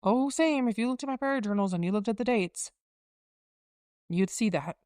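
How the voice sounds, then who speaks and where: A woman's voice: medium pitch, lively intonation, moderate pace, darkish tone, no echo, studio quality. A woman in her forties co-hosting a casual faith podcast, reflective and explaining things in a teaching tone. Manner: reflective, circling back, teaching tone. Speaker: podcast co-host.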